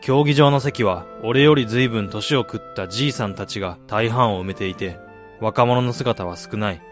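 In a radio drama, an actor plays a weary, disillusioned man who has returned to his dying hometown, delivering first-person narration and dialogue. His fairly low, natural voice moves at a moderate pace over faint music. The mood is brooding and resigned, and his manner is self-deprecating.

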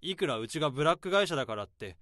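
Racing and animated, this actor's sharp, higher-leaning voice brings to life a jittery, overworked office worker with a secret, trading flustered lines for tense inner monologue in a narrated radio drama. The sound is dry and studio-clean.

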